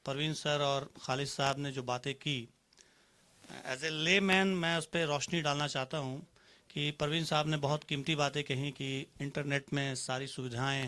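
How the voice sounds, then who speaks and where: A man's voice: mid-range voice, sharp tone. A man speaking as a guest on a televised panel, formal and rhetorical, using Urdu-flavoured Hindi with English phrases and acting out examples by changing his tone.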